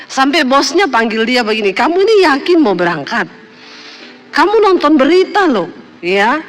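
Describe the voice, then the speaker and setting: Bright-voiced woman pastor, animated storytelling. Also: high voice. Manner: animated, acts out quoted voices. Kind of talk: sermon with storytelling.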